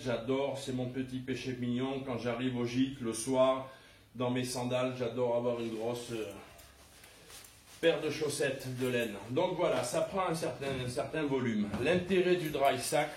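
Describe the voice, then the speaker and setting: Older man chatting with hesitations, distant and roomy. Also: medium pitch. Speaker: pilgrim showing gear. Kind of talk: casual product demonstration. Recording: roomy and distant with faint background noise.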